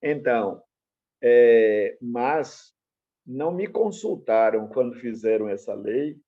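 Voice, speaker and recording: A middle-aged pastor with a Brazilian Portuguese accent delivers an animated teaching sermon packed with personal anecdotes, performing dialogue in different voices. He speaks slowly at a medium pitch. The audio is narrow and tinny.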